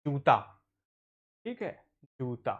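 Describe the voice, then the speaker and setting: Slow and sing-song, this man's mid-range, darkish voice comes through with the highs cut off. He's running an online Hindi reading lesson for an adult literacy class, patiently spelling words and responding to his own questions.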